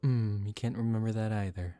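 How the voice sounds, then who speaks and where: A man playing a composed young aristocratic vampire in a soft-spoken ASMR roleplay, calm, formal and gently commanding, protective yet secretive. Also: on the low side, fairly quick, faint music behind, natural voice. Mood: gentle, reassuring.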